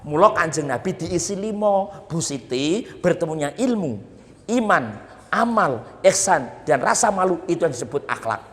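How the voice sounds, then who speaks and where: Speaking in a large hall, a Javanese-accented man preaches a funny Islamic sermon at a boarding school and pokes fun at his listeners, switching between Javanese and Indonesian. His voice sits fairly high, sounds a bit bright, and stays animated at a moderate pace.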